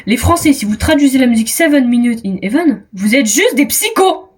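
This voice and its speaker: High-pitched teenage French girl chatting. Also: expressive, brisk, background noise. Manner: self-mocking, hesitant restarts, trailing off. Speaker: vlogger. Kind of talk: casual chat.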